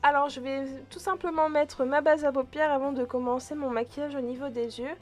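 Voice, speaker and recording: A woman with a fairly high voice talks through her makeup routine in a relaxed, friendly vlog tone. She hesitates often and chats directly to her viewers as if they were friends. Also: fairly quick, faint music behind. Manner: chatty, relaxed, frequent hesitations. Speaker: beauty vlogger. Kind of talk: casual makeup tutorial narration.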